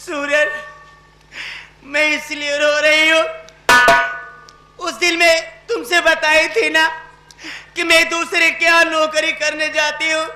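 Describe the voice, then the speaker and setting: A man's voice: very high-pitched, monotone, a little slow. Man voicing Kiran, tearful young maid. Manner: weepy, lamenting delivery. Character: poor young housemaid woman, tearful and pleading. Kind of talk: folk stage play acting. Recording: roomy stage sound with loud music.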